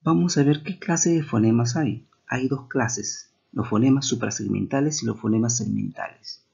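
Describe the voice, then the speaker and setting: A man's voice: mid-range voice, normal speed, vocal fry, darkish tone, husky. A man teaching a recorded lesson, explaining patiently and often stopping to check that listeners follow along. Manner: explanatory, with frequent rhetorical checks. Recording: muffled lo-fi recording.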